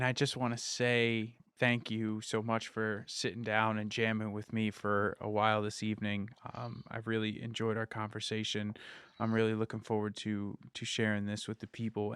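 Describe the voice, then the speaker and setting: Gravelly man hosting a podcast. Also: lowish voice, no room sound, clean studio sound. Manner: relaxed storytelling, acts out quoted lines. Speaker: podcast host. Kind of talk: casual interview chat.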